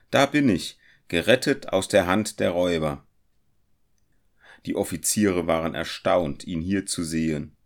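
Deep creaky guy reading a storybook chapter, calm and steady. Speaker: narrator. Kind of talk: audiobook narration.

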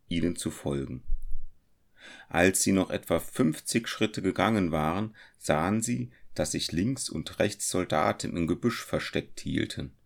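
Narrator low gravelly man, measured audiobook reading. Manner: calm, measured storytelling.

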